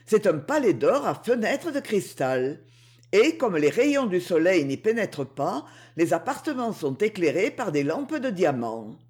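A woman's voice: on the low side, sing-song, measured pace, a little mellow. A woman reading an audiobook, voicing a possessive underworld king who coaxes and boasts grandly. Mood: coaxing.

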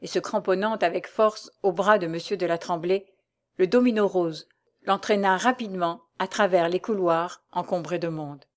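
Lady reading a novel out loud, even storytelling narration. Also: fairly low pitch, normal speed. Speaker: audiobook reader. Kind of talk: scripted narration.

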